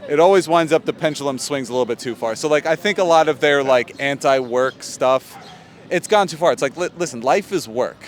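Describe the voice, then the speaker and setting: A man in his thirties giving his opinions in a casual street interview, animated and quick with asides. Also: a little high. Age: 30s. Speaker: podcast guest. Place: city street outdoors. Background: faint traffic.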